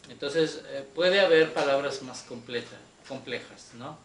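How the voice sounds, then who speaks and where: Slow, patient male Hebrew teacher. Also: mid-range voice, fairly bright tone. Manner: slow, patient, checks in with students often. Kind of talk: explaining a Torah class. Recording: echoey room with faint noise.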